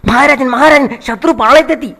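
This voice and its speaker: A man's voice: very high-pitched, a little fast, creaky, pushed and bright, big-room sound, full character voice. A man doing a panicky pleading palace servant.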